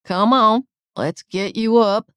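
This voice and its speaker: A woman's voice: a little high, slow pace, clear, resonant tone, no echo, clean studio sound, pitched above the performer's own voice. A woman reading the part of a tough, protective middle-aged aunt with a blunt, drawling manner. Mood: teasing.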